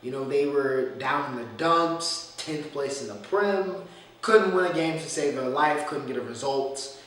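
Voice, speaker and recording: A man's voice: on the high side, measured pace, fairly bright tone. A man hosting a casual solo sports talk show with a groggy morning voice, rambling and opinionated with frequent restarts. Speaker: sports podcast host. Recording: echoey room, distant mic, faint noise.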